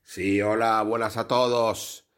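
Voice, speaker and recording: A man's voice: lowish voice, flat delivery, slow pace, clean tone. A man telling jokes on a radio show, often restarting and repeating words. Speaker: radio joke teller. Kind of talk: casual joke telling.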